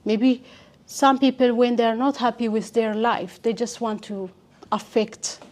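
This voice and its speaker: Speaking with a fairly high pitch, a level tone and a slightly mellow quality, a young woman from Ethiopia shares her life story as an interview guest. She stumbles along, pausing often and using many fillers.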